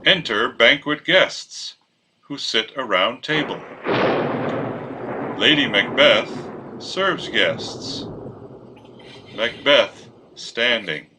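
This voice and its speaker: A man's voice: medium pitch, expressive, drawn-out words, pauses often, background noise. A man narrating, reading out scripted stage directions for a play.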